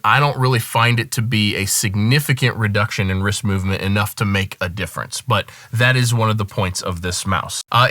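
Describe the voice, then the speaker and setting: A man, a music producer, giving a casual product review and calmly weighing the pros and cons. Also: lowish voice, no echo.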